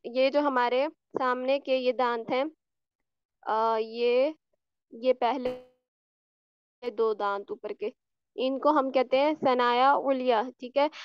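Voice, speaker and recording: Teaching recitation online, a tajweed teacher with a clear, smooth, high voice models every sound through repetition and keeps making sure her students are following along. There's no echo; the sound is dry and slightly dull, much like a call microphone.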